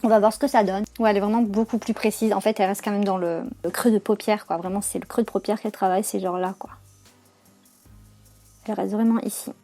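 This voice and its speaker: A woman's voice: mid-range voice, steady tone, fast, dark tone, faint music behind. A young woman chatting casually through a makeup tutorial, slangy and full of fillers and self-corrections. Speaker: beauty vlogger.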